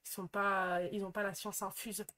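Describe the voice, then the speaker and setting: A woman's voice: mid-range voice, little pitch movement, normal speed, pushed and bright. A woman reacting to a television show in sarcastic, chatty commentary. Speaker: reaction video host.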